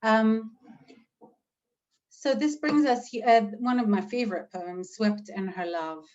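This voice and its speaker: A woman hosting an interview, gentle and unhurried with many fillers, reading out audience comments. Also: on the high side, lo-fi sound. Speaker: host and interviewer.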